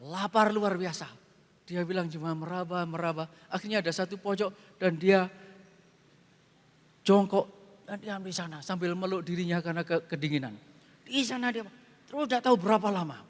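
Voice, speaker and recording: A man pastor preaching a sermon, retelling a story dramatically, repeating phrases for emphasis and often sinking to a hushed voice. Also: high voice, moderate pace. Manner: heavy repetition for emphasis. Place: large retreat hall. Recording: long hall reverb.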